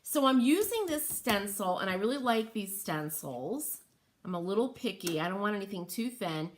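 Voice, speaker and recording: A woman's voice: medium pitch, animated, normal speed, slight background noise. A middle-aged woman hosting a craft livestream from her home workroom, chatting with viewers by name while she works. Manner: chatty, greets viewers by name, thinks aloud. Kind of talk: casual livestream chat while stenciling. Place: home workroom by an open window.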